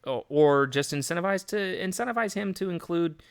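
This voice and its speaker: Smooth-voiced man rambling about a game. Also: high voice, lively intonation, brisk, no echo, studio quality. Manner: rambling, many fillers and restarts; laughs easily. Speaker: gaming streamer. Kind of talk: casual game commentary.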